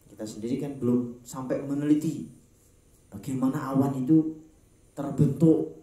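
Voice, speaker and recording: A man's voice: medium pitch, steady tone, moderate pace, dark tone, reverberant. A man with a Javanese accent gives a casual, joking Quran study talk to an elderly group in a park, acting out little dialogues and laughing often. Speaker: preacher. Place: outdoor park gathering.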